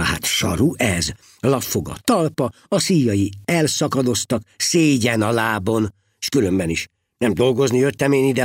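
A man's voice: mid-range voice, dry recording, clean studio sound, close to an everyday voice. A man voicing a sulky, stubborn monk who complains indignantly and preaches defiantly about his torn sandals. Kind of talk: storybook reading.

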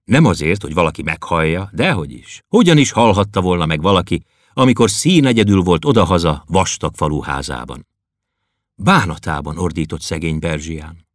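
Low-voiced man reading a playful story. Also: lively intonation, dry recording, clean studio sound. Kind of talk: reading a children's story aloud.

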